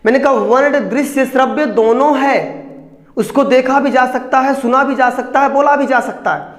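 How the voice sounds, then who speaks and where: A man's voice: very high voice, normal speed. A man teaching a Hindi grammar lesson, putting questions to his students and then answering them himself. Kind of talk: classroom lecture. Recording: echoey room with long reverb.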